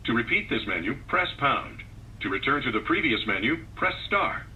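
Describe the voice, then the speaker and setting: Male recorded phone-menu voice, lively sing-song prompts, very bright tone, buzzy glitchy call audio, muffled and distant. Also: mid-range voice. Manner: measured, evenly read prompts. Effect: buzzy, glitchy internet call audio. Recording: muffled distant phone line with faint hiss.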